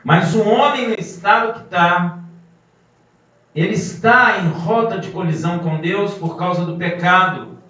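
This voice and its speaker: A man's voice: high-pitched, measured pace, pushed and bright. A man preaching a sermon, emphatic and full of rhetorical questions to the congregation. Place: congregation hall. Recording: muffled, very echoey hall from a distance.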